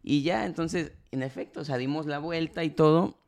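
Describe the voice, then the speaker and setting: A man's voice: on the high side, normal speed, vocal fry. A young adult man with a Mexican accent, a podcast guest telling a story in casual, slangy talk. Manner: animated storyteller, slangy, acts out quoted voices.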